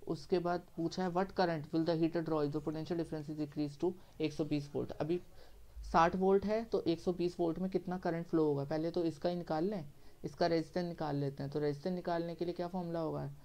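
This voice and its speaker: A man's voice: a little high, fairly even intonation, brisk, warm tone. A male science teacher giving a classroom lecture, working through each step and answering his own questions as he goes. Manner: repeats "theek hai" to check understanding.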